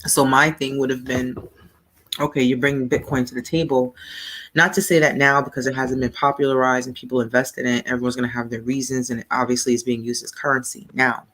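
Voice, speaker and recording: A woman's voice: a bass voice, level tone, fairly quick, a bit bright. Persistent questioning woman podcast host. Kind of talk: casual discussion.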